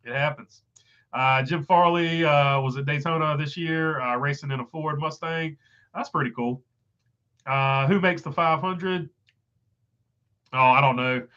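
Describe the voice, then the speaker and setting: With long pauses and a measured pace, a man with a highish, bright, forceful voice reads his livestream chat. He's congested and his voice is failing, and his casual rambling is full of fillers; the recording lacks high frequencies.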